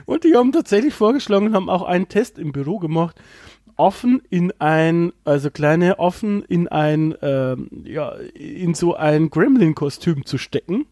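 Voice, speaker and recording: A man's voice: a little high, animated, normal speed, dark tone, no room sound, studio quality. A man co-hosting a casual film podcast, talking in a rambling way with many fillers and restarts. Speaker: podcast co-host.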